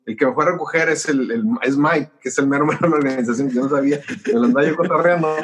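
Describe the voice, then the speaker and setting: A middle-aged man with a Mexican accent speaks in a casual interview, a pastor telling his story at length. He acts out each exchange as he goes, and his voice sits a little high for a man. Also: rapid-fire, crowd noise. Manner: animated, acts out conversations while telling a story. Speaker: pastor and musician.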